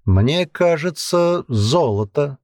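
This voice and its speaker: Man doing a quiet hooded adviser. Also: sing-song, dry recording, clean studio sound. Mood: calm. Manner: measured, low-key. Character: sly hooded male adviser, quiet and calculating.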